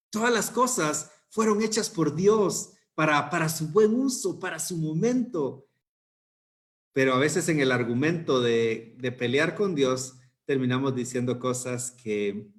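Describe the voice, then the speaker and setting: A man preaching a youth service sermon, conversational and full of rhetorical questions. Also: on the high side.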